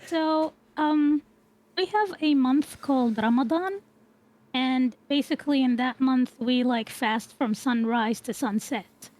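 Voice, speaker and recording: A woman guest on a casual podcast, speaking hesitantly with many pauses and fillers. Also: sits high, a little mellow.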